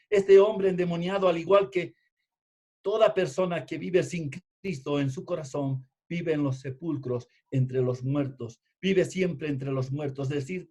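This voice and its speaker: A man preaching a sermon, emphatic, repeating key phrases and swinging between loud and hushed delivery. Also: fairly high pitch. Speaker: pastor.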